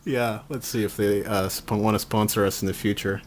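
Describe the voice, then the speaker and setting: A man from Canada hosting a casual group podcast chat on a call, chatty and quick to laugh as he steers the talk. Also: lowish voice, fairly even intonation, slight background noise. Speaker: podcast host.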